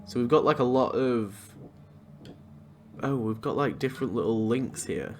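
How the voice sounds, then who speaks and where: A man's voice: medium pitch, normal speed, darkish tone, slight background noise. A man giving informal let's play commentary, thinking aloud and swearing casually. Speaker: gamer, let's play host.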